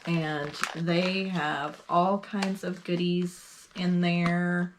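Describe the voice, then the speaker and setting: A woman from Texas co-hosting a casual podcast, chatting slowly with frequent ums and trailing sentences. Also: on the low side, little pitch movement, noisy background. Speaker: podcast co-host. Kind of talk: casual knitting podcast chat.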